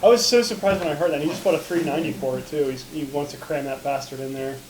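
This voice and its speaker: A man's voice: fairly high pitch, a little mellow. A man hosting a podcast, bantering casually and bluntly. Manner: blunt and swearing, quick to cut others off. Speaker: podcast host. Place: room shared with several people. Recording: roomy echo with faint noise.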